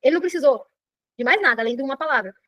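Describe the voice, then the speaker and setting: A woman's voice: high voice, racing. A middle-aged woman with a Brazilian Portuguese accent, teaching a personal development class and often checking in with her listeners. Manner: animated, keeps checking in with "entendeu?". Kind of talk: live online class talk.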